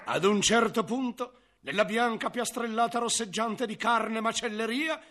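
A man's voice: extremely high pitch, unhurried, pushed and bright. A man narrating a 1970s radio comedy as a crafty butcher, theatrical and ironic. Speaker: narrator and first-person butcher.

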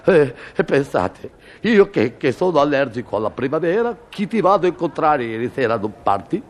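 Stammering comic man with lively pitch. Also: moderate pace. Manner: stammering, sneezing, mock-noble comic patter. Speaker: comedian. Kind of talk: comic monologue.

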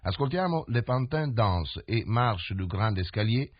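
A male announcer reads a formal, measured introduction in a lowish, husky voice. It is a 1970s radio broadcast, and the sound is dull and very dry. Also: expressive, no echo.

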